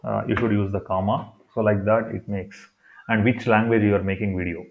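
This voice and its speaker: Low-voiced Kannada-accented man, phone-like sound. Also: steady tone, brisk, creaky. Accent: Kannada-accented Indian English. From Karnataka, India. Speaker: tutorial presenter. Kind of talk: unscripted step-by-step screen tutorial. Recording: thin, phone-like narrow-band sound.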